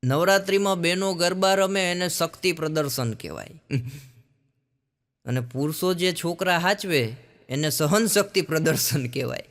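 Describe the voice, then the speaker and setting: Stand-up comic, male, high bright voice, acts out the people in his jokes. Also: normal speed. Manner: acts out characters' quoted lines in raised voices. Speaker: stand-up comedian. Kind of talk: stand-up joke telling.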